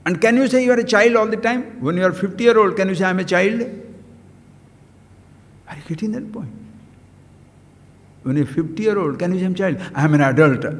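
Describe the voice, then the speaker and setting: Guy teaching spiritual stuff, keeps asking questions and answering for the crowd, bit of a higher voice. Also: a little fast, long pauses. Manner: questioning, repeats points, voices the listener's replies. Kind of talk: spiritual discourse. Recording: long hall reverb.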